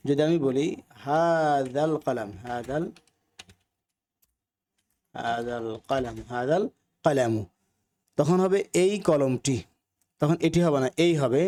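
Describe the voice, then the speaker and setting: A man's voice: a little high, a little mellow. A man teaching a recorded Arabic grammar lesson, carefully sounding out words and repeating them with their meanings for learners. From Bangladesh. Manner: repeats phrases for learners to follow.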